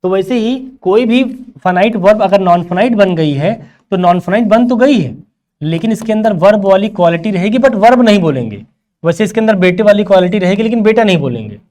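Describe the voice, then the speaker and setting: A man's voice: sits high, darkish tone. A male teacher giving a grammar lecture, who asks rhetorical questions and answers them himself and calls his students "beta".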